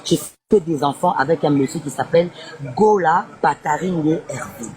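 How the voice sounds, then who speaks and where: A woman's voice: deep voice, moderate pace, crowd noise, rough recording. A woman guest speaking insistently and emotionally in a live interview, mixing French and Lingala. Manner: pleading, insistent, switches between French and Lingala.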